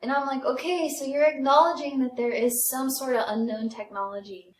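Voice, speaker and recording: This is a young adult American woman, a comedy podcast co-host, swapping personal stories in casual conversation. Her high voice stays steady in tone and moves briskly. Slight background noise sits under the roomy, echoey podcast sound.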